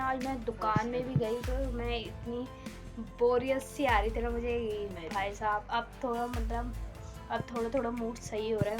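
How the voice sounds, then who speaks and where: A young woman talks into a handheld phone on her home rooftop, rambling through her day with plenty of fillers. Her voice sits a little high and her throat is a bit sore. Soft music plays faintly underneath. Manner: chatty, rambling, full of fillers. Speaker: vlogger. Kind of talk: casual daily vlog chat. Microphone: phone held in hand.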